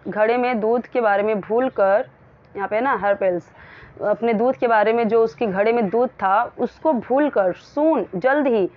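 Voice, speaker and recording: A woman teaching English. She explains each phrase in Hindi, repeats and rephrases, and reads the English sentences slowly, word by word. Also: fairly high pitch. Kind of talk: explaining a lesson. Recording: dull lo-fi sound.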